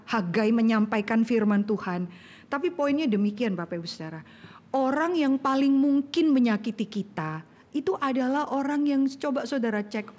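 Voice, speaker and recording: Woman, middle-aged, lively sermon delivery, fairly high voice. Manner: animated, acts out voices in colloquial Jakarta slang. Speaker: preacher.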